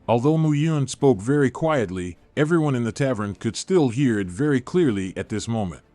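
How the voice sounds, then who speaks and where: Even-voiced male story narrator. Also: medium pitch, moderate pace. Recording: faint music behind.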